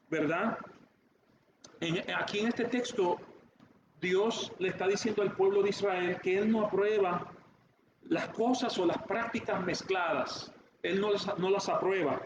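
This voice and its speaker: A man preaching a Bible sermon to his congregation, halting with restarts and frequent "¿verdad?" asides. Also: high voice. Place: church hall. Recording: echoey room, dull lo-fi sound with noise.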